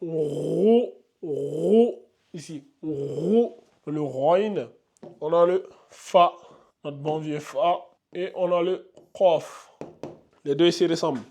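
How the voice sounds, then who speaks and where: A man whose first language is Pulaar, teaching Arabic letters at a whiteboard and repeating each syllable slowly for his learners. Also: on the high side, steady tone, darkish tone. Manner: chatty, addresses learners directly. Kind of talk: whiteboard lesson.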